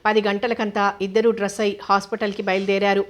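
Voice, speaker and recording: Woman narrator, novel reading, steady and flat. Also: mid-range voice, fast talker. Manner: calm, even storytelling.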